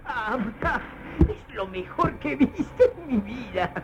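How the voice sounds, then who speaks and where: An actor playing an eccentric, excitable old male professor who is effusive and doting about monsters, in a theatrical cartoon style. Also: very high-pitched, unhurried, very noisy, full character voice. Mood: fascinated. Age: older. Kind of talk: animated cartoon-style voice acting. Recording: muffled lo-fi with loud music.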